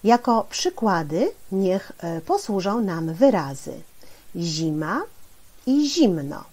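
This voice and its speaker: Slow, lively-voiced woman teacher. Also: medium pitch. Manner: slow and deliberate, spelling out syllables; frequent hesitation fillers. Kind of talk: spelling lesson for children.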